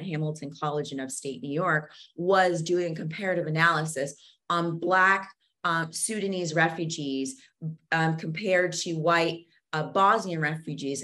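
In this conversational interview, the podcast guest is a woman from Zambia whose low-pitched voice has a fairly bright tone. She talks at length with earnest passion, frequently restarting her sentences.

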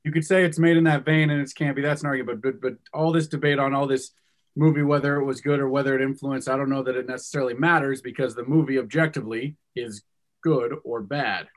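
A man's voice: mid-range voice, fairly even intonation, fast talker. Impatient man moderating as mock judge. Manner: dry, impatient, cuts others off.

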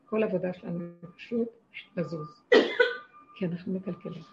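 A woman's voice: fairly low pitch, muffled recording. A woman giving a religious lesson to a group, speaking emphatically in short, repeated phrases. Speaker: spiritual teacher.

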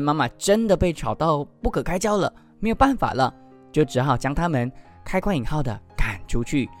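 Animated man reading a picture book. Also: medium pitch. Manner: animated, expressive storytelling. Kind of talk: picture-book read-aloud and commentary.

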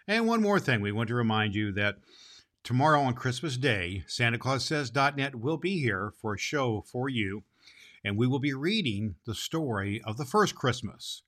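A man's voice: lowish voice, fairly bright tone. A man playing a jolly old Santa Claus who hosts a children's storytelling show in a hearty, rambling manner.

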